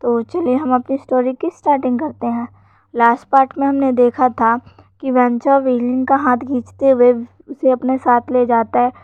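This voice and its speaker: A woman's voice: sits high, fairly even intonation, normal speed, no room sound. A woman narrating a fan fiction story, retelling it steadily with frequent "he says" tags. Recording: dull lo-fi sound.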